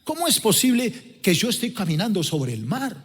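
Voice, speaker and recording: A man's voice: sits high, wildly swooping pitch, normal speed, slightly rough, big-room sound, full character voice. A man voicing a frightened fisherman anxiously talking himself into doubt. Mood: doubtful.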